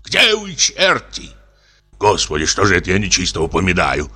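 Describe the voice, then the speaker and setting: A man voicing a drunk, frightened old comic actor in his late fifties, speaking in a slow, trembling, self-pitying lament. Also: sits low, wildly swooping pitch, bright, forceful tone, big-room sound, soft background music, full character voice. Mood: fearful. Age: older. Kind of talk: audiobook character reading.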